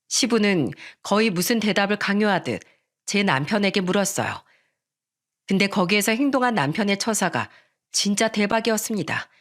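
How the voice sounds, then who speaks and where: A woman tells a first-person family story in a conversational, scripted narration. Her pitch sits in an ordinary middle range.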